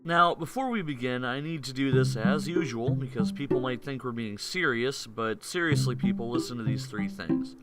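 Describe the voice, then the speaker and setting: A man narrates a comedy voice-over with sarcastic, lively energy, often rising into mock outrage. His voice sits in a middle register. Loud guitar music plays under him throughout. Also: medium pitch, moderate pace, few pauses.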